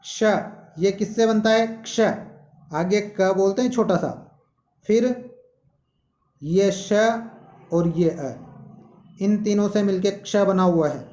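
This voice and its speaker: A male teacher, explaining a lesson slowly and posing questions to students. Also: sits high, mellow, echoey room. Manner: slow, explanatory, asks questions. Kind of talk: classroom-style lesson.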